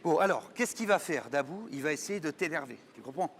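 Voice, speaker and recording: A man in a comic stage sketch who talks in a hesitant, rambling way full of restarts and breaks into furious yelling. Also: a little high, animated, fairly quick, a little hiss or hum. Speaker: sketch partner who plays the show's presenter.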